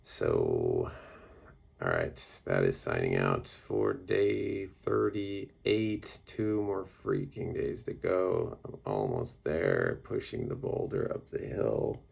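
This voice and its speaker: Very deep, gravelly man rambling. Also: huge pitch swings, takes it slowly, darkish tone. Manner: rambling and reflective, many fillers. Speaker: vlogger on a water fast. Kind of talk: casual personal vlog.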